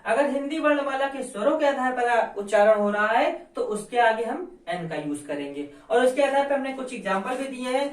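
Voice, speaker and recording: A woman teaching a grammar lesson, asking questions and answering them herself and repeating the key points. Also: fairly high pitch. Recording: echoey room, voice from far off.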